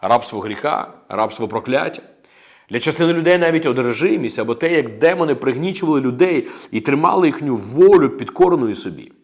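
A man's voice: medium pitch, expressive, a little fast. A man preaching a sermon as a pastor, emphatic and declaring, breaking in with amens and praises.

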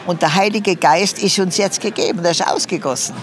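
A woman speaking as an interview guest, sometimes pausing to search for words. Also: on the low side, crowd noise. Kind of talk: casual faith conversation.

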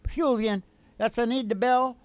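An older man, a podcast host and musician, rambles through a casual chat in a folksy manner and keeps repeating his phrases. His voice is very high-pitched and smooth, with fairly even intonation and a moderate pace, and there's no echo. He speaks into a stand-mounted mic in a small indoor studio with a curtained stage while an acoustic guitar strums behind him.

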